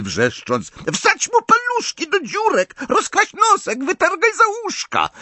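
A man narrating a storybook in an expressive, vivid reading. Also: mid-range voice, no echo. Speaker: audiobook narrator.

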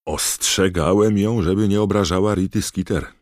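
A blunt, grumbling teenage schoolboy wizard from a storybook, put on by a man. He speaks in a matter-of-fact tone with a very deep voice. The sound is dry and close. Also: moderate pace, dry recording.

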